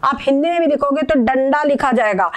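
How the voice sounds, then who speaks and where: High-voiced woman teaching Sanskrit pronunciation. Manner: patient, repeats words slowly, checks understanding. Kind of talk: explaining pronunciation lesson.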